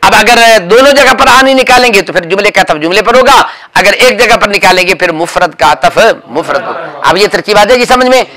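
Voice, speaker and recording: A man teaching a classroom grammar lesson, drilling his students with rapid questions and calling out answers. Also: sits high, animated, crowd noise, poor audio. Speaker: religious teacher.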